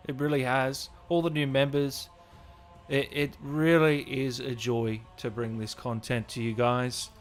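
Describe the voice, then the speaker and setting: A man hosts a gaming channel livestream, chatting informally and in a chummy way with viewers he addresses as guys and brother. His mid-range voice has little pitch movement and an unhurried pace, with soft background music.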